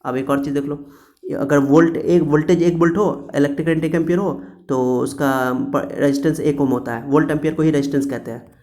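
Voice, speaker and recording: A man teaches a physics lesson on his terms. His voice sits a little high and sounds mellow. He drills each point by repeating it and answering his own questions. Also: fairly even intonation, a little fast. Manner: repetitive, coaxing, asks and answers own questions. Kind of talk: classroom-style physics lecture.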